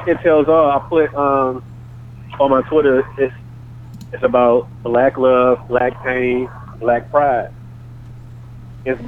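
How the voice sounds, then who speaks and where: A man calling in over the phone, talking in a casual, halting way that repeats words and leans on fillers. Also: mid-range voice. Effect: heard over a phone line. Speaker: caller pitching his book. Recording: tinny phone line with faint hiss.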